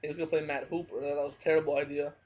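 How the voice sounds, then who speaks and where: A man's voice: a little high, flat delivery, rapid-fire, a little mellow, slight background noise. A man giving a casual spoken movie review at home, hesitant and full of fillers. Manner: hesitant, frequent fillers and hedging. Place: at home, family nearby. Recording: dull lo-fi home recording.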